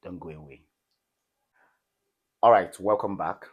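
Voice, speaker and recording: A man with a Nigerian accent teaching an English grammar lesson in a classroom, often pausing to ask students questions. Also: low-pitched, slightly rough, highs cut off. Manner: call-and-response questioning of students. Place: classroom with a board.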